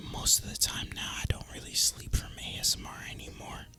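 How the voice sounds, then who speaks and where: At a moderate pace, a man rambles easily through an ASMR gaming video, his voice an unvoiced, breathy whisper and his manner relaxed.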